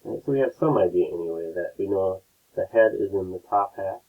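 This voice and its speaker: Through tinny, phone-like stream audio of low quality, a deep, gravelly man teaches painting, demonstrating calmly step by step. He keeps checking in with students by asking "right?" after his points.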